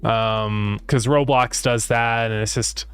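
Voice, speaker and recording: A man's voice: medium pitch, steady tone, slow, fairly bright tone, clean tone. A man chatting casually as a game developer livestreamer, rambling as he thinks aloud, his speech slightly slurred by retainers. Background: music.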